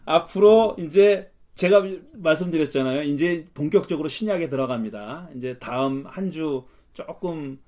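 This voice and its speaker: A man leading a Bible study as pastor, explaining verses in an animated way and acting out the lines he quotes. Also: on the high side, normal speed, few pauses. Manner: animated, acts out quotes with rising intensity.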